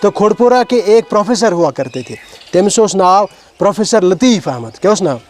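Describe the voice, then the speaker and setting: A man's voice: sits high, expressive, soft background music. A man with a Kashmiri accent leading an outdoor heritage walk, explaining place names to schoolchildren and often asking them questions. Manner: explanatory, asks questions of the children, mixes in English words. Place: outdoors at a stone heritage site.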